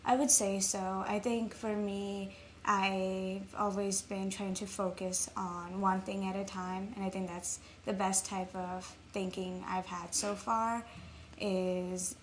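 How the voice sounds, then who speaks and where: A woman's voice: mid-range voice, level tone, slow. A young woman from Nepal, talking reflectively as an interview guest, with frequent ums. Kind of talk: casual interview. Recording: faint background noise.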